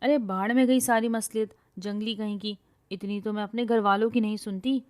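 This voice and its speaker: A hot-tempered young university woman barks orders and picks fights in a loud, quarrelsome voice. A woman reader acts her out in a storybook reading. She brags and scolds without letting up. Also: medium pitch, steady tone, lightly acted. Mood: angry.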